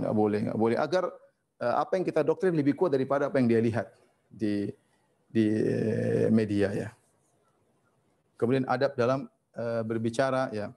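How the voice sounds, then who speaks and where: A man giving an Islamic lecture on parenting in a conversational way, repeating phrases for emphasis and swinging between high and low. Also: gravelly, a little mellow. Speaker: Islamic preacher.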